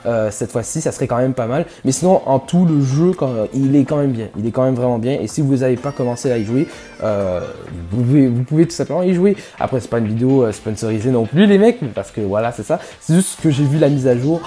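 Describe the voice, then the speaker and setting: Excitable guy gaming. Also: brisk, soft background music. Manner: excitable, swears often, swings from low muttering to loud yelling. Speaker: gaming YouTuber. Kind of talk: live gameplay commentary.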